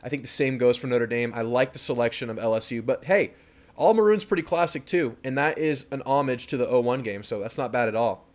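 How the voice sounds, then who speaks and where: A man's voice: medium pitch, expressive, fairly quick. A young man hosting a fan sports livestream, chatting casually and greeting viewers by name in an upbeat way. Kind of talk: casual livestream chat reading viewer comments.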